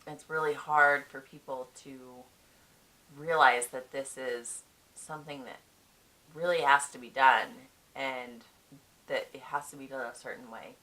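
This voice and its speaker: A woman's voice: rumbling low, steady tone, a little slow, pushed and bright, low-quality recording. A young woman talking casually to camera, giving frank advice on competing, with many ums. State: chewing a cough drop. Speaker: bikini fitness competitor.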